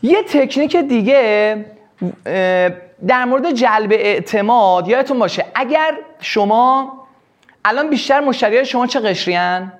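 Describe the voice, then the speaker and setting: A man teaching a live sales workshop, explaining with quick acted examples. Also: very high voice, lively intonation. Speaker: sales trainer.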